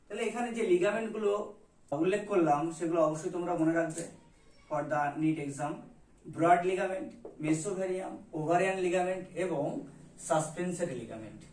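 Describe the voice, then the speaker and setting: A male teacher walks through a labelled diagram, posing questions and answering them himself as he mixes in English terms. His voice sits somewhat high, and it sounds distant in an echoey room. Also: expressive, brisk, a little mellow. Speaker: biology teacher. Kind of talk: explaining over a diagram. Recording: roomy echo, voice from a distance.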